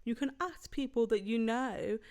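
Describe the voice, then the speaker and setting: A woman's voice: on the high side, normal speed, darkish tone. A woman co-hosting a casual podcast chat, agreeing often and stringing her points together in long run-on sentences. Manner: agreeing, stacks clauses in long run-ons. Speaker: podcast co-host.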